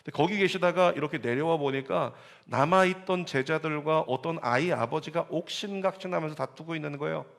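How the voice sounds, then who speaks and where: A man's voice: a little high, a little fast, vocal fry, fairly bright tone. A male pastor delivering a sermon. He leads his congregation in call-and-response and acts out quoted voices with rising intensity. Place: church sanctuary. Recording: long hall reverb.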